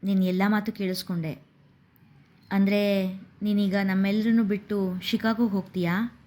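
A woman's voice: medium pitch, flat delivery, normal speed, mellow, natural voice. A woman voicing an earnest young man begging the woman he loves to stay, in a story reading. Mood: pleading. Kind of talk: storybook narration.

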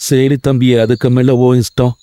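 A man voicing an ailing elderly farmer father in a cartoon, soft-spoken and pleading. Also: medium pitch, completely flat delivery, normal speed, close to an everyday voice. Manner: pleading and resigned.

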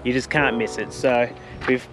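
A man in his thirties with an Australian accent, giving a relaxed, friendly walk-through on a travel vlog, filmed outdoors on a handheld camera. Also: mid-range voice, normal speed. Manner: laid-back and friendly, with slang. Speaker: travel vlogger. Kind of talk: casual travel vlog chat. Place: outdoors beside a camper van. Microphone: handheld action camera. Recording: background music throughout.

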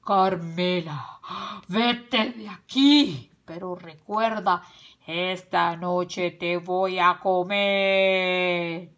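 A woman voicing a greedy, threatening male wolf in a children's story, drawing out his words slowly and loudly. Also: medium pitch. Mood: menacing. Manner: slow, drawn-out and loud.

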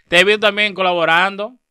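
Very bright, teasing male interviewer. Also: fairly high pitch. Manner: teasing, playful, pushes with questions. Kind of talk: casual interview chat.

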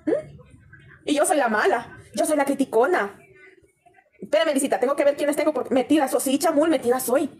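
A woman's voice: high-pitched, darkish tone, slightly rough. A woman with a Salvadoran accent ranting bluntly and with lots of swearing in a livestream gossip commentary, talking straight to her viewers. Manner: addresses viewers directly with tag questions. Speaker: TikTok livestreamer.

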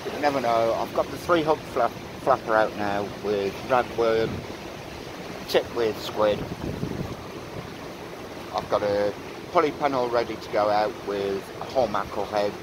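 A man's voice: fairly low pitch, a little slow, pauses often. An older man chatting casually to viewers in an outdoor fishing vlog, with wind on the mic. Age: older, around 50s to 60s. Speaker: angler vlogger. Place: outdoors on a windy seaside pier. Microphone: handheld or tripod-mounted phone. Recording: loud wind buffeting the mic. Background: wind and sea noise.

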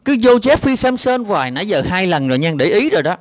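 A man's voice: a little high, sing-song, racing, dry recording. A man with a Southern Vietnamese accent giving exasperated, mocking reaction commentary on a clip, with lots of hesitant filler sounds. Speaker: video commentator.

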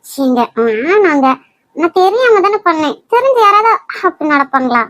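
A woman plays a shy young wife in a cartoon who is expecting a baby. She talks coyly and bashfully in a very high, bright voice, recorded dry and close. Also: big pitch swings, moderate pace, no room sound, full character voice. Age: young adult. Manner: coy, bashful. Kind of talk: cartoon voice acting.

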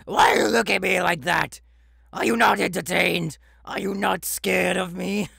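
A man playing a creepy, cocky clown pirate captain in an ASMR audio role-play, theatrical and touchy, with a raspy voice. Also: high voice, fairly even intonation, unhurried, sharp tone, dry recording, studio quality. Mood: indignant, loud. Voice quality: raspy, gravelly.

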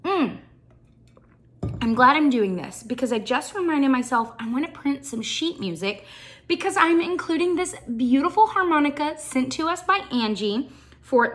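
A woman's voice: high voice, expressive, normal speed. A woman chatting through a show-and-tell vlog as she packs a gift box, enthusiastic and full of ums. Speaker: shoebox packing vlogger.

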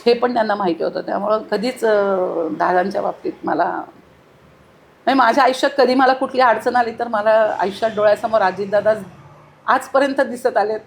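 A woman's voice: fairly high pitch, moderate pace, gravelly, slight background noise. A middle-aged woman, a former mayor, giving earnest, emphatic interview answers full of long lists of detail.

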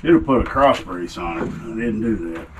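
A man's voice: lowish voice, expressive, moderate pace. A middle-aged man talking to himself as he frames a patio outdoors, worn down by the heat. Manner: muttering to himself, easygoing. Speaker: homesteading vlogger. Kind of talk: talking to himself while building. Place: outdoor covered patio under construction. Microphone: fixed wide camera from a distance. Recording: distant mic, loud outdoor noise.

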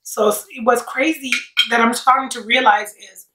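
A woman in her late 30s, a mukbang vlogger, chats casually to the camera while eating at a table indoors, sassy, playful and rambling. Her voice is on the high side, steady, bright and forceful, at normal speed. The sound is roomy and echoey, with a distant mic.

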